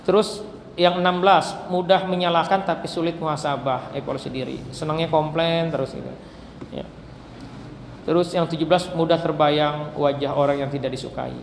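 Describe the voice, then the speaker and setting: A man's voice: fairly high pitch, fairly even intonation, normal speed, creaky, a little hiss or hum. A man preaching a sermon, talking straight to the women listening and acting out the dialogue in his stories. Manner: chatty, addresses the women directly, acts out dialogue. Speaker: Islamic preacher. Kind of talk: casual sermon with acted-out stories. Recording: echoey hall with faint ambience.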